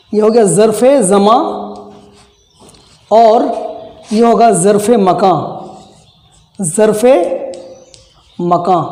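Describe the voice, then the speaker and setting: A teacher walks through a grammar lesson, saying each term twice and firing off check questions. The tone is soft and mellow. The voice rings in an echoey indoor room with a long tail of reverb. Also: mid-range voice. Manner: repeats key terms, asks quick check questions. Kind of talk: classroom grammar lesson at a board.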